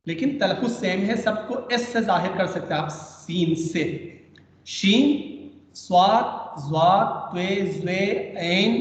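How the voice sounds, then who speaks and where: A man teaching an online language lesson, patient and repeating each point slowly, heard over a video call. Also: high voice. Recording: echoey, distant, dull online class audio.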